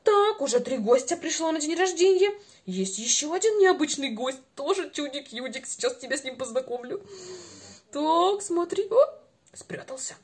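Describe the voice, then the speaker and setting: Woman in her twenties, high voice, over-enunciated words, encouraging sing-song children's speech lesson. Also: animated, normal speed. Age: 20s. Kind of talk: playful articulation lesson for a small child.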